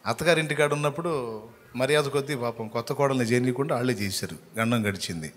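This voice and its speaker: A man preaching a sermon, telling a story dramatically and acting out the voices in it with sudden loud rises. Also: mid-range voice. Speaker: pastor.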